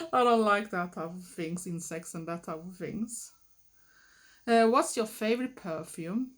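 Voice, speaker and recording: A middle-aged Swedish woman talks through a get-to-know-me list for her vlog. She speaks slowly and considers each answer, with pauses, fillers and restarts. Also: medium pitch. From Sweden. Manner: unhurried, thoughtful, many fillers and restarts. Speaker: vlogger. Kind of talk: get-to-know-me tag monologue.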